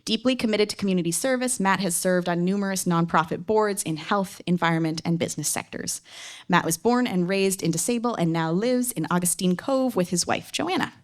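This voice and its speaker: A woman's voice: fairly low pitch, a little fast. A woman with a Newfoundland accent moderating a public event from a podium, speaking informally with self-deprecating, joking asides. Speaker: debate moderator. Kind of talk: event welcome and introductions at a podium.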